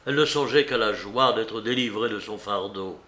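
A man reading a novel aloud in a measured, somber storytelling manner. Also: on the low side, sharp tone. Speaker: narrator. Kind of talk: audiobook reading.

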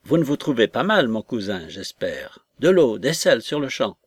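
A man reading the part of a kind, excitable landlady who fusses and exclaims. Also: mid-range voice, normal speed, breathy edge, dry recording. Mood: alarmed. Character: kindly landlady, excitable and fussing.

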